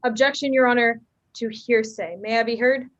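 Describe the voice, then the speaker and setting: A young woman argues a legal objection in a courtroom, her voice sitting somewhat high. She speaks firmly and argumentatively, restarting a phrase now and then. It is a dull, lo-fi courtroom recording. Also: fairly even intonation, moderate pace. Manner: firm, argumentative, occasional restarts. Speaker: trial advocate.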